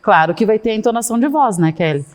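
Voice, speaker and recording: Animated woman talking at length. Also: mid-range voice, fast talker. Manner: animated, talks at length with many asides. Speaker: guest, fashion consultant. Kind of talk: casual interview chat.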